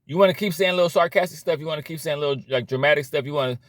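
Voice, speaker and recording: A man's voice: fairly high pitch, racing, no echo, clean studio sound. A man giving a blunt, slangy motivational rant about cutting problem people out of your life, repeating himself as he preaches. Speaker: motivational vlogger.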